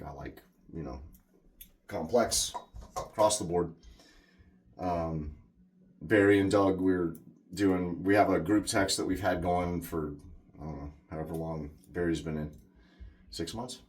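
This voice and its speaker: A man's voice: low voice, darkish tone. A man in a casual, rambling monologue to camera, hosting his wet shaving channel with loose, chatty asides.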